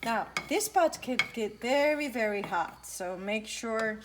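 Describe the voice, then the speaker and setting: A woman's voice: a little high, lively intonation, takes it slowly, background noise. Chatty woman in an echoey kitchen. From Ecuador. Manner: chatty, searches for words. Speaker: nutritionist. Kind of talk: cooking demonstration. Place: home kitchen. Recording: echoey kitchen with dish clatter.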